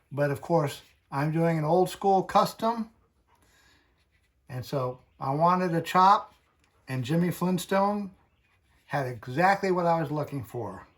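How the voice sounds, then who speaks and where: A man hosting a hobby channel, talking through a casual tutorial in a chatty, folksy, unhurried way. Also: on the high side.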